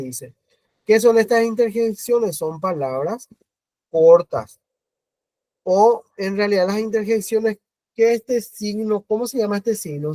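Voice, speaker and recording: Paraguayan male teacher, high-pitched, unhurried online lecture with lots of questions to students; dry sound. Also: a little mellow, no echo. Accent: Paraguayan Spanish. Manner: explains slowly, repeating himself and asking the class questions. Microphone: video call.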